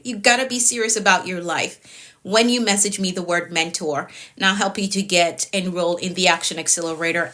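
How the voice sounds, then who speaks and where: Woman, late 30s, productivity coach doing a live stream, bright tone, firm and repetitive delivery. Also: medium pitch. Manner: repetitive, firm, tags lines with okay.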